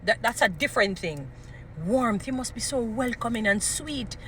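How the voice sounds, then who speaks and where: A strong-voiced woman with a Jamaican accent gives informal, emphatic relationship advice in a preachy style, repeating short phrases for emphasis. Her voice is a little high and a bit bright, with lively intonation at a moderate pace. There's slight background noise in this motivational talk.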